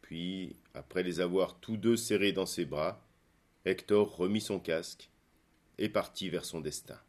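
Male storyteller, scripted narration, calm expressive reading, lowish voice. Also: measured pace.

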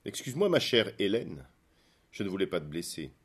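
A man's voice: deep voice, very animated, a little fast, breathy edge, full character voice. A man voicing Andromache, a loving, anxious young wife and mother, speaking in a pleading, emotional way.

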